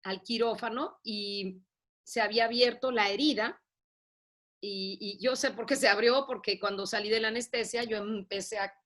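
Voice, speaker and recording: A middle-aged woman with a Mexican Spanish accent, a pastor sharing a personal testimony in lively storytelling, acting out voices and laughing often. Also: medium pitch, moderate pace. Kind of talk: personal testimony on a video call.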